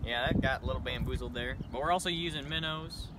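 A man's voice: mid-range voice, fast. A teenage man fishing by a river, talking in a laid-back, slangy, joking way. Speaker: angler. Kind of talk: casual chat while fishing. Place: outdoor riverside walkway. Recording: loud outdoor wind and water noise.

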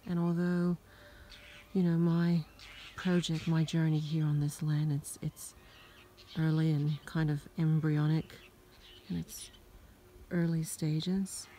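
A woman whispering a soft, awed nature ASMR vlog outdoors on her farm at dusk, recorded on a handheld phone. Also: deep voice, level tone, takes it slowly, a little hiss or hum. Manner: soft, hushed, reflective and awed. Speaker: farm vlogger.

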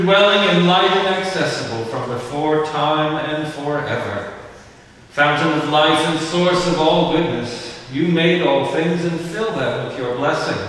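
Priest with cathedral echo, far off. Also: male voice, on the high side, a bit bright. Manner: measured, solemn recitation. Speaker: priest leading a Eucharist service. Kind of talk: formal liturgical prayer. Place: large church. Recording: echoey church from far off, faint hiss.

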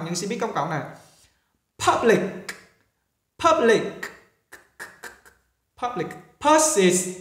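A man teaching an English lesson, explaining slowly and repeating words to model their pronunciation. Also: high voice. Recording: echoey room.

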